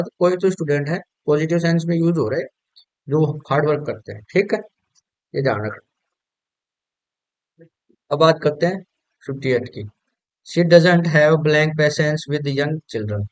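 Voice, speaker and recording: A man's voice: a little high, a little mellow, no echo, poor audio. A male teacher giving an exam-prep grammar lesson, explaining step by step and putting questions to students that he then answers himself. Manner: reads quiz sentences slowly and drawn out.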